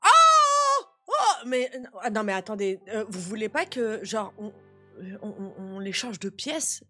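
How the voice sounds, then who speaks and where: Une jeune femme qui réagit à des vidéos, commentant avec indignation et beaucoup d'argot. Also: female voice, medium pitch, a little slow, over music. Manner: animated, outraged, slangy. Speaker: reaction video host. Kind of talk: casual reaction commentary.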